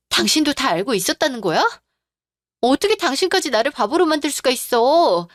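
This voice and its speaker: A woman's voice: high voice, no echo, clean studio sound. A woman voicing a betrayed wife in a radio drama, confronting her in-laws in a demanding, confrontational way. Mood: furious.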